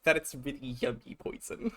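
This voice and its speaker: A man streaming live, chatting casually with his audience and co-host while he eats, swearing freely and swinging between loud and soft. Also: medium pitch, fairly even intonation, moderate pace.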